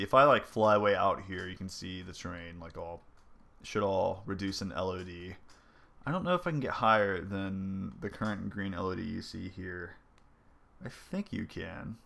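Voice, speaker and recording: Showing off his game engine in casual devlog commentary over gameplay, this young indie developer sounds stuffy and congested, thinking aloud with lots of ums and likes. His voice sits low, with vocal fry and a slightly bright quality.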